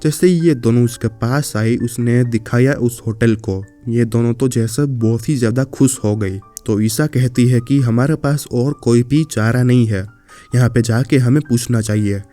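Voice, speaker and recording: A man's voice: mid-range voice, a little slow, mellow, soft background music. A man narrating a horror story in a casual way, speaking directly to the listener.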